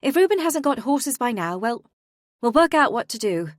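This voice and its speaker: A woman's voice: fairly high pitch, very animated, dry recording, clean studio sound, voice pushed up. A woman voicing a practical, caring young woman companion in an audiobook. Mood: brisk. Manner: brisk and decisive, then gentle. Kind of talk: audiobook character voice.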